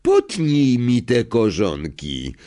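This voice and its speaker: A man's voice: mid-range voice, huge pitch swings, takes it slowly, warm tone, pitched above the performer's own voice. Draco Malfoy, a gloating schoolboy sneer put on by a man. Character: spiteful boastful teenage schoolboy.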